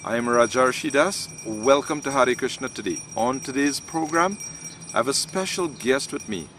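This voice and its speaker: A man hosting an interview, asking questions in a measured way with hesitant restarts. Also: mid-range voice, animated. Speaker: host. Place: outdoors, in hills. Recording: noisy outdoor recording.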